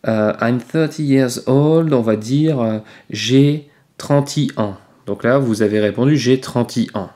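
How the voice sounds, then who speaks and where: A man's voice: medium pitch, slow pace, dark tone. A man teaching French in a casual video lesson, explaining patiently with frequent hesitations. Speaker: French teacher, channel host. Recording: roomy echo.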